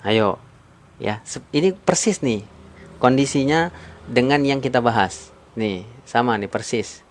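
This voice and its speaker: A man's voice: medium pitch, measured pace, long pauses. A man teaching Quran recitation rules on a live stream, repeating points and quizzing his viewers. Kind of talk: live-stream tajwid lesson.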